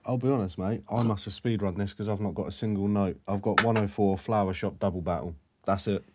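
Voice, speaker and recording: A man's voice: on the low side, fairly even intonation, fairly quick, noisy background. A man co-hosting a podcast, easygoing and a little self-mocking. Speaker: podcast co-host. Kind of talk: casual chat.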